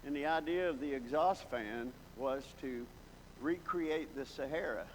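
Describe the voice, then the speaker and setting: A man's voice: medium pitch, unhurried. A man preaching a sermon, telling folksy stories from his past and building to emphatic exclamations. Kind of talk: sermon with storytelling. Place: large church hall. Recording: long hall reverb, faint background noise.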